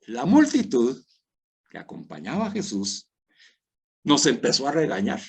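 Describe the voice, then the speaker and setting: A man leading his parish group through a scripture meditation, talking dramatically and moving between soft and loud, acting out the crowd's words. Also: medium pitch, wildly swooping pitch, measured pace, slightly rough.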